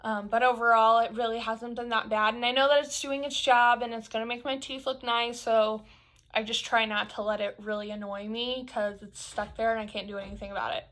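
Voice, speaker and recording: A woman's voice: on the high side, fairly even intonation, brisk, fairly bright tone. A young woman vlogger chatting casually to camera, her speech a little altered by braces and a palate expander, rambling with lots of fillers.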